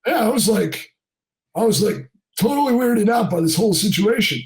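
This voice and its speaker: A middle-aged charter fishing captain from New Jersey tells a story in a podcast interview and acts out the people in it. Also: male voice, high-pitched, expressive, normal speed, a little mellow. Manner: acts out quoted people in raised voices.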